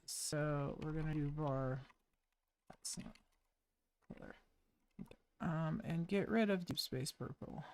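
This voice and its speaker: A woman's voice: low voice, gravelly, a little mellow. A woman live-streaming web development, muttering through each step of her code in a casual, wry way. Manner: slow, muttering, self-narrating while typing code. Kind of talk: thinking-aloud coding stream.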